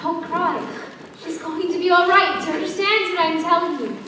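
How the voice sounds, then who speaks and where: A calm young woman, played by an actress on stage, giving firm, steady reassurance. Her voice is very high. It is heard from a distance in a heavily echoing space with faint background noise. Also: normal speed. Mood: reassuring. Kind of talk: stage play acting. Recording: echoey stage miked from far off, faint noise.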